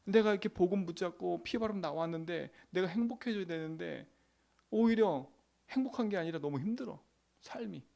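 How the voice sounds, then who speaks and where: A man's voice: high voice, animated, brisk, gravelly, a little mellow. A middle-aged male pastor giving an emphatic, colloquial dawn prayer sermon, repeating phrases and asking the congregation for agreement.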